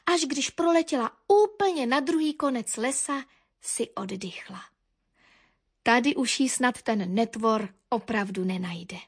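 A woman narrating a children's animal story with a lively, expressive reading. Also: husky. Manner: lively expressive reading, dropping low for asides.

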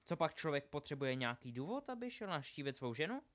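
A man's voice: a little high, very animated, a bit bright. A man voicing a boy in disguise as a grown husband, bluffing cheekily to stall, in a home audiobook reading. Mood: cheeky. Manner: cheeky, blustering, talks fast to stall.

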